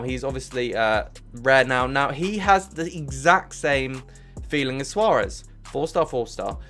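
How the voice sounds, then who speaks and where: A man's voice: mid-range voice, a bit bright. A young man giving enthusiastic, emphatic commentary as a gaming YouTuber ranking cards on a tier list. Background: faint background music.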